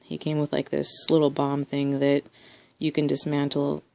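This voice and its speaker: A woman's voice: sits low, completely flat delivery, moderate pace, vocal fry, a bit bright, dry recording. A woman collector casually showing her toys on video, rambling with many ums and restarts. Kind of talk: casual show-and-tell video.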